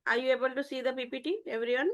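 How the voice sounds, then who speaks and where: A woman teaching an online class, explaining patiently with many hesitant pauses over a call headset. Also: sits high, fairly even intonation, a bit bright. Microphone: earphone mic on a video call.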